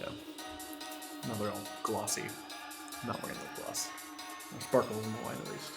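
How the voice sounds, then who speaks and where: A man's voice: lowish voice, a little fast, creaky, over loud music. Joking man vlogger. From United States. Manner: joking, teasing, goofy. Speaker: co-host of a couple's vlog. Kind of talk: casual vlog chat.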